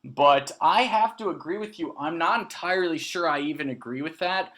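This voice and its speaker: Animated higher-voiced man co-hosting. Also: normal speed. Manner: animated, hesitant restarts, leads the segments. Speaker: podcast co-host. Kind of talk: casual sports podcast chat.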